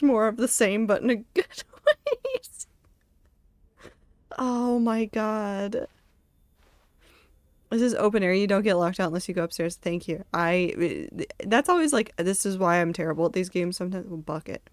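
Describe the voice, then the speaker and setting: A woman's voice: mid-range voice, no room sound. A woman streaming a video game, chatting casually and reacting aloud to what she sees. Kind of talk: casual gameplay commentary.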